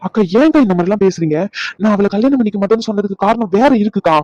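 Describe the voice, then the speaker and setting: A man voicing a quick, anxious younger brother. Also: high-pitched, expressive, dark tone, dry recording, dull audio. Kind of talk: animated drama dialogue.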